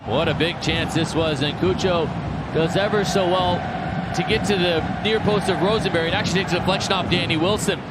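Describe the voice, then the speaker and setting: A man's voice: sits high, fairly even intonation, fairly quick. A man working as a color commentator, explaining soccer replays in an emphatic way. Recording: loud stadium crowd noise behind. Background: loud stadium crowd.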